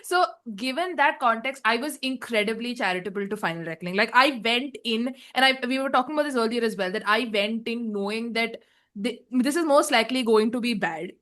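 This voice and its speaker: Woman, fairly high voice, casual film chat, reflective, laughs easily. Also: brisk, fairly bright tone. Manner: thoughtful, laughs often while explaining. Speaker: podcast panelist.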